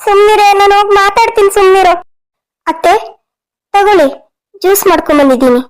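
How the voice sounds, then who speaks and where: A woman's voice: very high voice, expressive, fairly quick, low-quality recording. A woman voicing the women of a cartoon family drama, emotional and scolding. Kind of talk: cartoon story voice acting.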